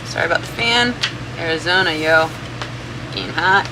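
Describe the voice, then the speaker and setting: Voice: mid-range voice, normal speed. An informal tarot reader who rambles and thinks aloud, swearing casually, with a fan running in the room. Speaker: tarot reader, channel host. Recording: steady fan noise throughout.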